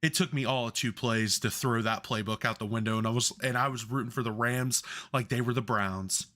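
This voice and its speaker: A man's voice: mid-range voice, steady tone, a little fast, a bit bright. A man co-hosting a sports podcast, telling heated, profane stories in casual chat. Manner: profane, worked-up storytelling. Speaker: podcast co-host.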